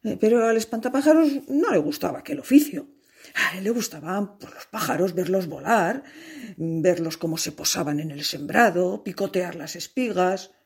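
A woman telling a children's tale aloud, expressive, with lively asides and sighs. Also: lowish voice, normal speed, breathy edge. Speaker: storyteller. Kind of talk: oral storytelling.

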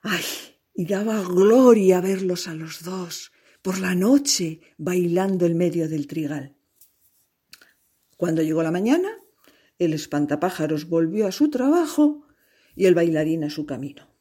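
A woman telling a children's tale aloud, expressive, with lively asides and sighs. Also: on the low side, a little slow, breathy edge. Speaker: storyteller. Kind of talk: oral storytelling.

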